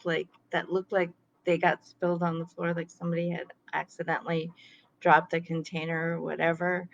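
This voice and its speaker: A woman's voice: lowish voice, gravelly, muffled recording. A woman telling a story casually to her viewers, chatty and full of fillers and laughs. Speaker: sound healer and card reader.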